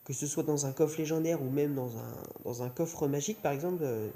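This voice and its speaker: A young man hosts a gaming video with music behind him, rambling casually and hesitantly, his mouth sore from wisdom teeth surgery. His voice is on the high side, brisk and mellow, with a little hiss or hum.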